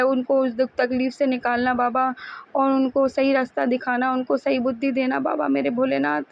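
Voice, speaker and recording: A woman's voice: high-pitched, creaky. A woman giving a devotional testimony at home, repeating thanks fervently and restarting her phrases as she talks into a phone. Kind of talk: devotional testimony, casual recorded monologue. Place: at home, seated before a guru's picture. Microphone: phone voice recording. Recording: dull lo-fi phone recording.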